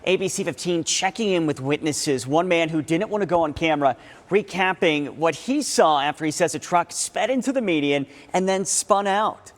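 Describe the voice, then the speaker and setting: News anchor: American man, fairly high voice, live delivery, reverberant sound. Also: moderate pace.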